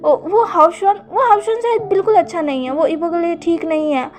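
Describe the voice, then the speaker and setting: A woman voicing a sulky young man who pleads with his older sister in a whiny, high voice. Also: normal speed, faint music behind.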